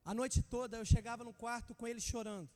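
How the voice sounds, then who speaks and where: A man in his thirties with a Brazilian Portuguese accent preaching a sermon. He calls out to the congregation with fervor and builds up to shouting. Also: very high voice, steady tone, quick pace. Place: church hall. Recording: reverberant church hall.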